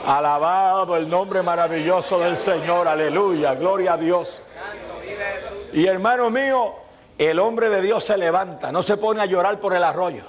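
A man preaching a fervent sermon in church, peppering it with hallelujahs and breaking into shouts. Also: sits high, a little slow. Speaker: pastor. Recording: dull lo-fi church recording.

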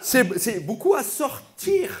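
A male stand-up comedian with a high, very lively voice works the room with playful, disbelieving questions. He speaks in an unhurried way over a live crowd, and noticeable ambient noise sits under the recording. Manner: playful, incredulous questioning of the audience. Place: comedy venue with a live audience.

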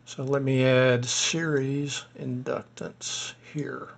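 Relaxed man walking through a tutorial. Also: mid-range voice, slow, creaky. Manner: relaxed, explanatory, thinking aloud with fillers. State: a little hoarse. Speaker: ham radio hobbyist demonstrating software. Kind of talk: casual screen-recorded tutorial.

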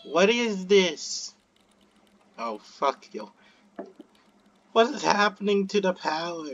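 A man's voice: sits high, very animated, slow pace, a bit bright, muffled recording, a little hiss or hum. A man giving casual let's-play commentary, joking, swearing and talking to the game. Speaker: gameplay commentator.

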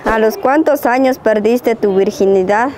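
Woman, off-camera question reader, matter-of-fact, fairly high voice, faint background noise. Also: a little slow. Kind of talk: reading questions aloud.

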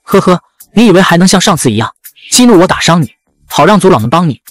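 A male narrator voicing a ruthless middle-aged empress, cold and imperious, speaking fast. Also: fairly low pitch, big pitch swings. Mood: menacing.

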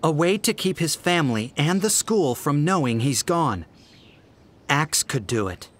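Gentle, earnest teen girl, voiced by a man, soft and sincere, pitched up. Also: animated, measured pace.

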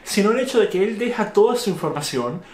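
A man's voice: high-pitched, animated, fast talker, darkish tone, a little hiss or hum. Indignant man in an echoey room. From Venezuela. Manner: indignant, emphatic, with rhetorical questions. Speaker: video commentator. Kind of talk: opinionated review monologue.

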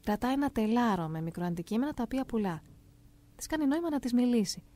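A middle-aged woman calmly and earnestly telling a first-person story aloud. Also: a little high. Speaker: narrator of a personal testimony.

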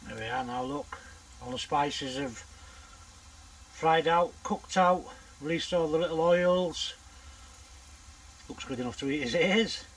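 Older angler, casual bankside vlogger, gravelly, slightly high voice, matter-of-fact chat. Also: male voice, lively intonation, a little slow, long pauses, poor audio. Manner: chatty, matter-of-fact running commentary. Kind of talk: casual vlog narration while cooking. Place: bankside bivvy outdoors at dusk.

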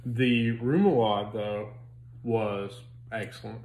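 A man in his thirties gives a relaxed, rambling restaurant review at home and cracks jokes along the way. He talks into a phone camera on a stand in a living room. His voice carries a roomy echo. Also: on the low side, slow pace. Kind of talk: casual chat.

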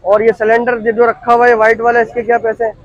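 A man's voice: very high voice, monotone, quick pace, no echo, muffled recording. A man in his thirties vlogging through a busy outdoor street market, chatting casually, repeating prices and talking to viewers. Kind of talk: casual walkthrough vlog, asking prices.

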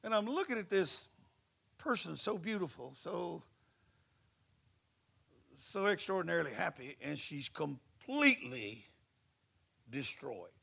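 A male preacher tells a story in a folksy, lively way. His voice is heavily gravelly and husky, and it sits a little high for a man. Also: measured pace, pauses often. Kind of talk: sermon with storytelling. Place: church service.

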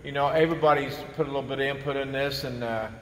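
A man's voice: mid-range voice, steady tone. A man in his fifties, a school coach, chatting enthusiastically with repeated words and fillers. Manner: enthusiastic, repetitive, halting with fillers. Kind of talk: casual on-camera chat. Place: large school gymnasium. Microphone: camera at a distance. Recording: roomy gym with long reverb, faint noise.

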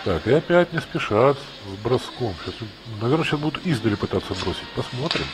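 A man's voice: mid-range voice, expressive, fairly quick, noisy background. A man giving live play-by-play ice hockey commentary, mixing exclamations with analytical asides.

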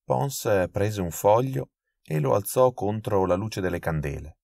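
A man from Italy reading a mystery story aloud, measured and dramatic. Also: on the low side, lively intonation, gravelly, a little mellow, dry recording, clean studio sound. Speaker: narrator. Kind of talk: scripted storytelling narration.

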